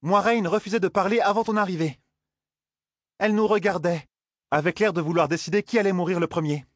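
A man voicing a sharp-tongued young woman adventurer who mocks those around her. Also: high-pitched, brisk, dry recording, studio quality, pitched above the performer's own voice. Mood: mocking. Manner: sarcastic, biting.

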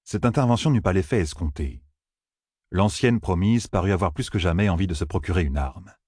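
Male audiobook narrator, deep, husky, dry close sound. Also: expressive, a little fast, darkish tone, no room sound. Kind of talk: scripted fantasy narration.

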